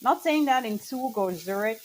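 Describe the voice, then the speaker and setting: A woman's voice: a little high, expressive, moderate pace, slight background noise. A woman from central Switzerland chatting in a rambling, self-correcting way while she cooks in her home kitchen. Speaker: cooking vlogger. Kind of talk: casual chat while cooking.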